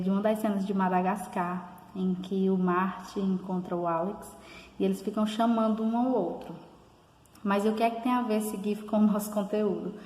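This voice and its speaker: A woman teacher giving a recorded online lesson, slowing down and stressing the example words as she calls them out. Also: medium pitch, darkish tone. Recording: echoey room with long reverb.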